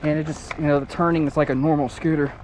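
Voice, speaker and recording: A man's voice: fairly high pitch, level tone, fast, darkish tone. A young man vlogging outdoors in a casual, chatty and upbeat way, a bit out of breath. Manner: upbeat, chatty, laughs often. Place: outdoors on pavement. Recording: outdoor noise behind.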